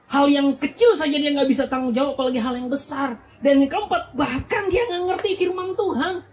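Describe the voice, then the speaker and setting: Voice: high voice, a little fast, a little mellow, poor audio. A young adult speaker preaching at a church youth retreat. They act out little scenes and keep quizzing the audience. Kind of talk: lively youth sermon.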